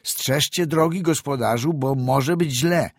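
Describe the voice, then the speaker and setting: A man's voice: mid-range voice, very animated, measured pace, no room sound, clean studio sound, pitched above the performer's own voice. A man voicing an anxious, commanding town doctor who speaks in short, clipped questions.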